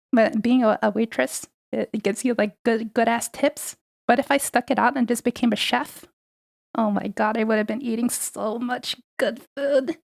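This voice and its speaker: A woman's voice: fairly high pitch, gravelly, no echo, studio quality. A young woman streaming, chatting casually and rambling, laughing often and swearing freely. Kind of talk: casual livestream chat.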